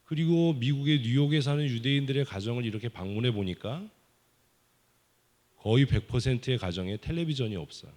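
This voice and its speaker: A man preaching a children's sermon at a summer Bible school service in a church, playfully teasing and quizzing the kids with quick questions. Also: medium pitch, a little mellow. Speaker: pastor. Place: church sanctuary.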